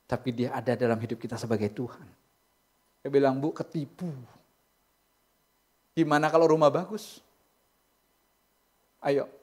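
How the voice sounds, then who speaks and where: Animated, joking preacher. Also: medium pitch. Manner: animated, humorous, acts out quoted speakers; casual colloquial asides to the congregation. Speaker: pastor. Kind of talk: sermon. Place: church.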